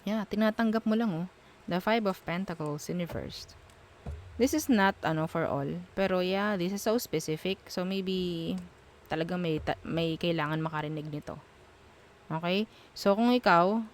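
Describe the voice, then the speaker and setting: A woman's voice: lowish voice, moderate pace, a little hiss or hum. A woman doing a casual tarot reading, frank and musing as she thinks aloud between the cards. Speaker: tarot reader.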